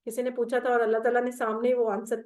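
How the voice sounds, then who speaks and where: A woman's voice: on the high side, level tone, fast, darkish tone. A woman teaching Quranic Arabic grammar in an online class, patient and step by step, reciting verb tables. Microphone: video call.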